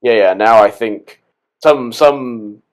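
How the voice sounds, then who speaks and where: A man's voice: medium pitch, takes it slowly. A man co-hosting a casual movie commentary podcast, talking loosely with lots of fillers and laughs. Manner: rambling, laughing, filler-heavy. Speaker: podcast co-host.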